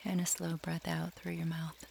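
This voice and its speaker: Male meditation guide: slow, soft, gravelly voice, little pitch movement, calm scripted delivery. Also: a little hiss or hum. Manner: slow, soft and soothing, drifting into near-whispers.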